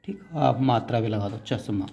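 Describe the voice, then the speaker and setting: A man's voice: medium pitch, moderate pace, vocal fry, warm tone. A man teaching shorthand step by step, patiently breaking words into syllables and strokes and calling his students "beta".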